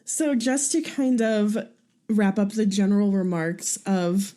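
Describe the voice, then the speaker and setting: A woman's voice: medium pitch, lively intonation, unhurried, dark tone. A woman co-hosting a fan podcast, recapping clips and steering the conversation in a chatty way. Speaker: podcast co-host. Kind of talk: casual podcast chat.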